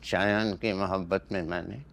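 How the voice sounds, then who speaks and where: An older actor with a Pakistani accent playing a guilt-ridden father who speaks in a slow, heavy, reproachful way. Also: low voice, steady tone, vocal fry, a bit bright, slight background noise. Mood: remorseful.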